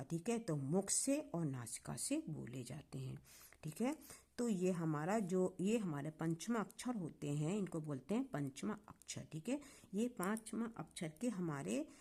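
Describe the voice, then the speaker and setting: A woman teaching a grammar lesson online, explaining patiently, sounding out syllables slowly and asking the class questions. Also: lowish voice, vocal fry, slightly rough.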